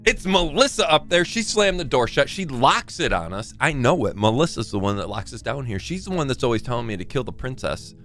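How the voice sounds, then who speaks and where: A man's voice: mid-range voice, sing-song, brisk, hardly any pauses, fairly bright tone, soft background music. A man live-streaming a game with casual, playful commentary, reacting openly to what happens.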